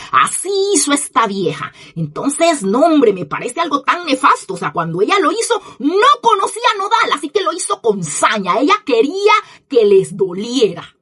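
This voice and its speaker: A woman's voice: high voice, bright, forceful tone, husky. A woman giving an indignant, scornful opinion monologue as a commentator, repeating herself for emphasis.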